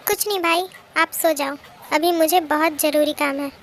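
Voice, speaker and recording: A woman's voice: high voice, steady tone, normal speed, fairly bright tone, slight background noise. A woman voicing a timid, easily frightened young woman who pleads and mutters to herself in a fan-made drama dub. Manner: anxious, pleading, talking to herself.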